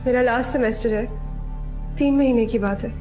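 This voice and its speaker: An actress voices a young woman in her student years with a Pakistani Urdu accent. She sounds earnest and pleading, her voice sits a little high, and drama music runs underneath. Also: normal speed, close to an everyday voice. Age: young adult. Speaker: university student daughter. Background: background music.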